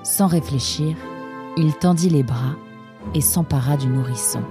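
A man narrating a storybook in a measured, steady way. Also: a little high, over music. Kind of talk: storybook reading.

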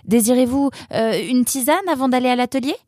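A woman voicing a lively, flustered young woman in an audio story, talking in quick exclamations. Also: high voice, no room sound, studio quality, natural voice. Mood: flustered polite. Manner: animated, exclaiming.

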